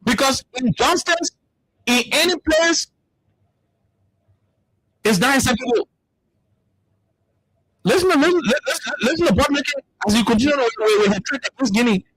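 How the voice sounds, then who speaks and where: In a radio studio, a Liberian man with a Liberian English accent hosts a talk show full of heated political commentary, repeating words as he searches for them. His very high-pitched, slightly bright voice has lively intonation, a moderate pace and frequent pauses, recorded dry with no echo on poor audio.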